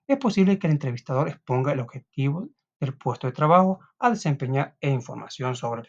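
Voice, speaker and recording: A man's voice: mid-range voice, expressive, brisk. Salvadoran man teaching a lesson. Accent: Salvadoran Spanish. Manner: reads aloud, with frequent tag questions and restarts. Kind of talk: recorded classroom lesson. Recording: dull lo-fi recording.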